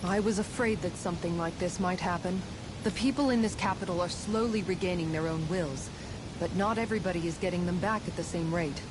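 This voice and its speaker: Woman acting a patient companion over loud rumble. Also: fairly quick, natural voice. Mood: patient, concerned. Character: patient, concerned, responsible female companion. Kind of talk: video game voice acting. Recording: loud rumbling noise behind.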